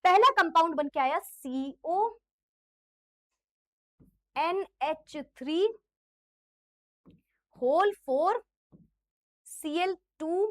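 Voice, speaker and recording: A woman's voice: very high voice, drawn-out words, long pauses. A woman teaching an online chemistry class in a playful, teasing way, quizzing her students as she goes.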